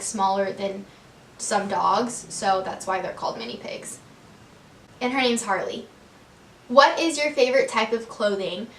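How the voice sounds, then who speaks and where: A Texan woman in her twenties, a vlogger, chats casually to the camera in a get-to-know-me video, saying "like" and "um" a lot and laughing often. Her voice is on the high side and fairly bright, picked up by a distant mic in a reverberant space.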